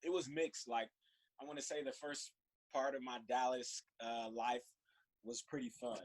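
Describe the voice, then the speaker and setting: A man's voice: mid-range voice, flat delivery, moderate pace, low-quality recording. A man from California, a podcast guest chatting casually in loose, swear-filled storytelling.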